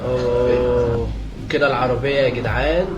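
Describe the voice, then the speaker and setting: A man with an Egyptian Arabic accent giving excitable let's play commentary, repeating phrases over and over as he reacts. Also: on the high side, fast talker, highs cut off. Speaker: gaming channel host. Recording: loud game music under voice. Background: loud game music.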